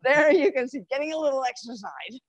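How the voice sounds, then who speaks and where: Speaking through a face mask, an older woman leads a group around an indoor open-plan office, explaining things on the move. Her high voice is expressive and brisk; the clip-on lapel mic gives dull audio with no room sound.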